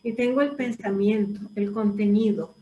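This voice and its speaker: A woman voice teacher, explaining things thoughtfully with pauses in a reflective conversation. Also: mid-range voice, fairly even intonation, mellow, roomy sound, distant mic, muffled recording, a little hiss or hum.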